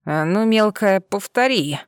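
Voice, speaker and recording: A woman reading an audiobook, voicing a gruff, scornful cat-eared alien man in a lowered voice. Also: normal speed, no room sound, clean studio sound.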